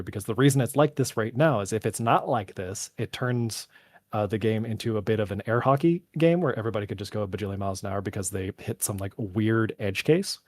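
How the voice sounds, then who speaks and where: A weary male game developer, three hours into a casual live Q&A, rambles through technical answers to community questions and thinks out loud. His low voice has a darkish tone, picked up by a close, dry mic with no room sound.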